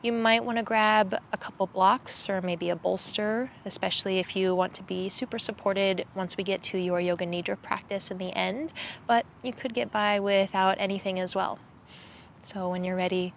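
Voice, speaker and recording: A young woman leads a yoga class and guided meditation outdoors, speaking in a calm, soothing voice with little rise and fall. Her pitch sits in a middle register. A faint outdoor noise stays under her words. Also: gravelly. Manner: calm, soothing, slow instructions. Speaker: yoga teacher. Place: outdoors in a cemetery.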